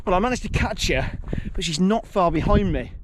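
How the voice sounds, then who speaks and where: A man's voice: high-pitched, animated, a little fast, noisy background. A man talking casually to camera while running a marathon outdoors, exerted and ruefully self-deprecating. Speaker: vlogger.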